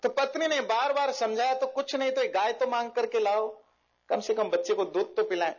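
High-voiced man telling epic stories. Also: normal speed. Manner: animated, mixing English words into Hindi. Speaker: spiritual speaker. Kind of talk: storytelling talk. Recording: dull lo-fi recording.

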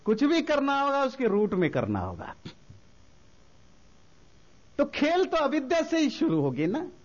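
A man giving a spiritual talk, explaining slowly with everyday examples and mixing English phrases into his speech. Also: very high voice, huge pitch swings, muffled recording. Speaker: spiritual teacher.

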